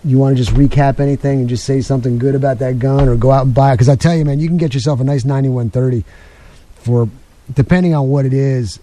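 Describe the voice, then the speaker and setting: A man hosting a call-in radio show, talking in a quick, chatty, rambling way and taking callers. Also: medium pitch, steady tone, dark tone.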